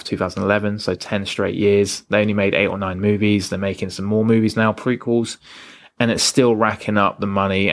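Solo podcast host, male, lowish voice, loose and rambling delivery. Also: fairly bright tone. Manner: casual, rambling, with fillers and self-corrections. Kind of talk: solo film podcast monologue.

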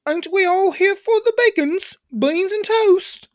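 A woman's voice: a little slow, dry recording, studio quality. A woman voicing a silly, overdone British woman in a badly done put-on British accent. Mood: mock posh. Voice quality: high, squeaky, exaggerated.

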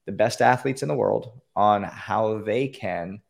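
A man's voice: fairly low pitch, a little slow, creaky. A man from Canada, a podcast guest calling in, earnestly telling his own story with many fillers and restarts. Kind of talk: personal story in an interview. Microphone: call-in line.

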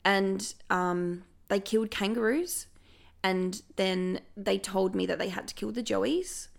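A young woman with a gravelly, fried edge to her mid-pitched voice. She tells stories as a podcast guest in loose, casual chat, animated and sprinkled with swearing. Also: slow. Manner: animated storytelling, frequent swearing.

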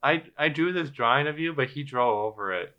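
A man's voice: mid-range voice, lively intonation, a little fast. A man playing a tabletop game, talking in a casual, joking way with the other players. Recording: noisy, dull recording with clicks.

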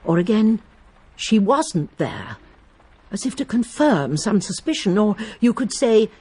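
An older woman playing a gentle, shrewd elderly spinster sleuth in a radio drama, mild and precise. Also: mid-range voice, expressive, normal speed, slightly rough. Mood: gently probing.

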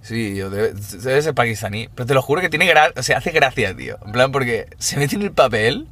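A man's voice: medium pitch, expressive, brisk, a bit bright. A young man, chatting casually and rambling on his show, dropping slang throughout. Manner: rambling, slangy, says "tío" constantly. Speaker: podcast co-host. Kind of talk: casual chat.

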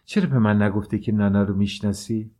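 A man with a low voice reading the lines of a good-natured forty-year-old actress in an audiobook. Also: fairly even intonation, warm tone, lightly acted. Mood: chatty.

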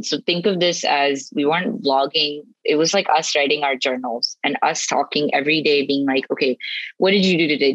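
A woman's voice: deep voice, no room sound, lo-fi sound. A woman guest speaking frankly and from the heart about her experience. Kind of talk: casual interview chat.

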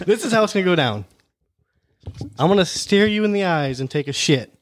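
Higher-voiced man, crude and joking. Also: expressive, fairly quick. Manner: crude, joking, swears freely. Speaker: podcast co-host. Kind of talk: casual chat among friends.

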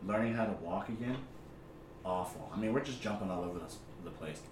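A man's voice: on the low side, brisk. A man co-hosting a sports podcast in loose, unpolished chat, blunt and slangy with swearing. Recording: distant, echoey room with clear noise.

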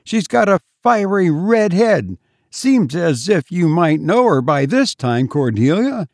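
Guy doing a bossy indignant lady of the house, voice pitched way up, sharp and demanding, storybook style. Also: sing-song, takes it slowly, dry recording, studio quality, full character voice. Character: peremptory, indignant mistress of the house, a woman. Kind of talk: dramatised storybook reading.

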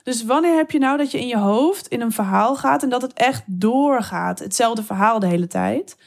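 A woman's voice: a little high, creaky. Enthusiastic Dutch-speaking woman, candid. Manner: open, enthusiastic, quick bursts with laughs. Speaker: guest telling erotic stories. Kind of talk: interview conversation.

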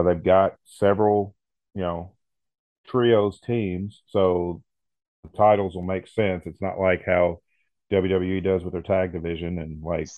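A man's voice: sits low, no echo. A man co-hosting a podcast in casual chat, easygoing and agreeable, often restarting his sentences. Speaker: podcast co-host. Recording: muffled phone-like audio.

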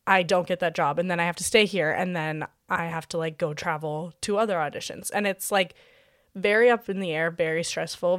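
A woman's voice: fairly low pitch, no echo, clean studio sound. A young woman and dancer, a podcast guest, chatting casually and giggly with many fillers. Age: young adult. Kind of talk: casual chat.

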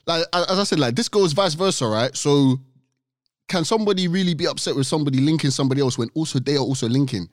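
A man's voice: a little high, quick pace, no room sound, clean studio sound. A young man with a London urban accent, chatting casually on a podcast, slangy and questioning, repeating points for emphasis. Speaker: podcast co-host.

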